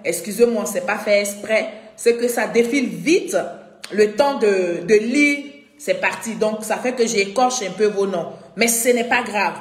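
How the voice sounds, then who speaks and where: A woman's voice: mid-range voice, measured pace. A woman hosting a live stream, chatting effusively with viewers and breaking into chanted refrains. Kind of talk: casual live-stream chat greeting viewers. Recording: roomy echo with faint music behind.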